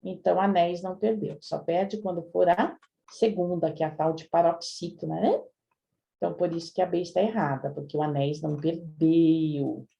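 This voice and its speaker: Teaching Portuguese grammar in a live online review, this woman talks chattily to her students and keeps checking on them, often asking "né?". She speaks at a normal speed with a lowish, warm voice, a steady tone and vocal fry.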